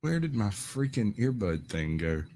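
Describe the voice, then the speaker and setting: Low-voiced Southern US man, folksy host. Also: very animated, measured pace, noisy background. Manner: folksy, joking, rambling. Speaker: live stream host. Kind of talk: casual live stream chat.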